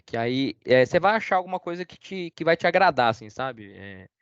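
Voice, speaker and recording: A man's voice: fairly high pitch, very animated, a little fast, smooth, dry recording. Guest speaker, Brazilian man, rambles hesitantly; dull, dry video-call sound. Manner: hesitant, rambling, many fillers and restarts. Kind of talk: casual online talk with Q&A.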